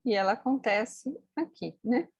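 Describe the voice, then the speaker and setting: A woman walks students through an intonation tutorial. Her voice is slightly high and husky. It sounds dry and close, with almost no room sound, and she keeps checking in with little tag questions. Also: animated, measured pace, a little mellow, no room sound. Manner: explanatory, frequent tag questions. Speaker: phonetics instructor. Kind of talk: screen-recorded tutorial.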